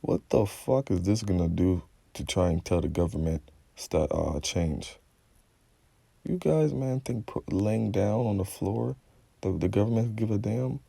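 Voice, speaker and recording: A man's voice: lowish voice, measured pace, gravelly, mellow, husky, no echo. A man giving a confrontational, profane religious rant, constantly repeating "okay?" as he preaches. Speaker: religious commentator.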